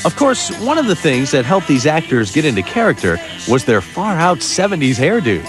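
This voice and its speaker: A man narrating a TV featurette in a bright, upbeat announcer style. His voice sits fairly high and swings widely in pitch. Clear music plays behind him. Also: sing-song, moderate pace.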